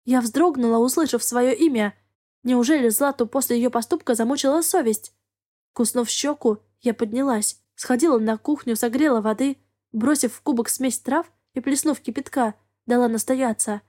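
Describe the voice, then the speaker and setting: A woman narrating a first-person audiobook in an even, measured way. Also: fairly high pitch.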